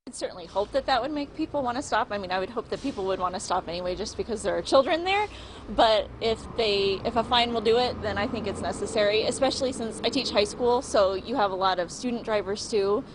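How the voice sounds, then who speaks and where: A woman's voice: mid-range voice, expressive, fast. A female teacher speaks casually to an interviewer in a mid-range voice. Light vehicle noise sits behind her. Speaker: high school teacher.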